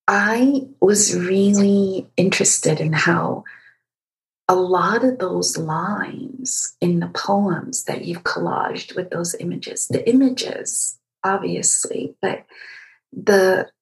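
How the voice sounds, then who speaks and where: An Egyptian woman conducts a literary interview, speaking reflectively and feeling her way through halting phrases. Her voice is mid-range and the recording is rough.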